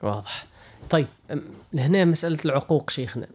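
Man, Tunisian accent, radio host, very quick speech, frequent blessings. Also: fairly high pitch, lively intonation. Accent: Tunisian Arabic. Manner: rapid, warm interjections and blessings. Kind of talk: radio call-in talk.

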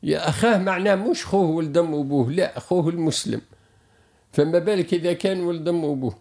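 A man's voice: a little high, a little mellow. A man with a Tunisian accent, a religious scholar explaining a ruling on a radio talk show. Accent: Tunisian Arabic. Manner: measured, explaining with repeated phrases.

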